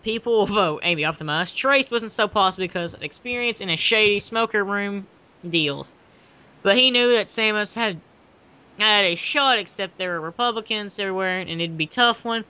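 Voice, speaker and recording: A young man reading a story aloud casually for comedy, giggly and excitable, often breaking off to riff on it. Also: sits high, clear, resonant tone. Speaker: co-reader of a dramatic fan fiction reading. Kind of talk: casual comic read-aloud with ad-libbed commentary.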